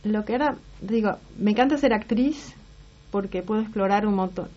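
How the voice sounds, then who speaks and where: A middle-aged Uruguayan actress and singer answers interview questions thoughtfully in a casual chat, often restarting her sentences. She has a Rioplatense Spanish accent and a mid-range voice at normal speed. The broadcast audio is slightly muffled, with a little hiss or hum.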